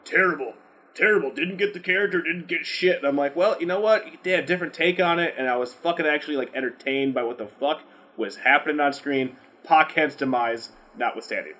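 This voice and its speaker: On a podcast where the co-hosts casually debate films, this man speaks briskly in a voice on the high side. He rambles bluntly and profanely, ranting with energy and mimicking other people's words.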